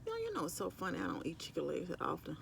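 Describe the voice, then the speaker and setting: Brief: high-pitched, gravelly man, middle-aged, casual eating-show chat with food in his mouth, some background noise. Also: huge pitch swings, racing, fairly bright tone. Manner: chatting while eating, sometimes with mouth full; rambling, conversational. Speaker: mukbang vlogger. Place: at work on lunch break.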